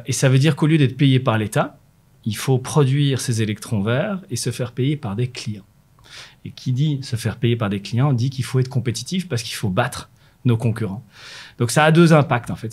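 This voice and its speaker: A middle-aged native French speaker answers interview questions about his job as a manager in renewable energy. His medium-pitched voice has a darkish tone, and he explains things in a measured way, with many fillers and restarts.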